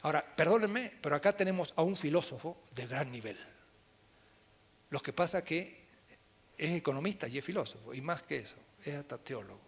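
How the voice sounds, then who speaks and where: Male lecturer, high-pitched voice, emphatic delivery, speaks directly to the class, lecture room. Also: fairly quick, creaky, husky. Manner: animated, emphatic, with sudden loud stresses and quiet asides. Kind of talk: philosophy lecture.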